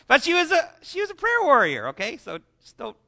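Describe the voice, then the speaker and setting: A man's voice: very high voice, wildly swooping pitch, normal speed, creaky, sharp tone. A man preaching a conversational sermon, full of asides and rhetorical questions to the congregation.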